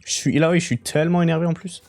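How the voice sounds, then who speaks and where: A young man talks his way through a game on a live stream, relaxed and chatty, then breaks into excited outbursts. His voice sits a touch higher than most men's. Faint music plays quietly under his talk. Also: quick pace. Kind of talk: casual live-stream commentary while gaming.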